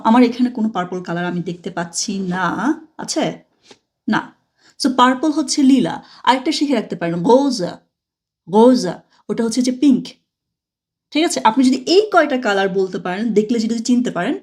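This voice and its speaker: Female language teacher, patient, explanatory, slightly high voice. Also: a little mellow. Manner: explanatory, checks in with "ঠিক আছে?" often; slow, careful German example phrases. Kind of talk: online language lesson.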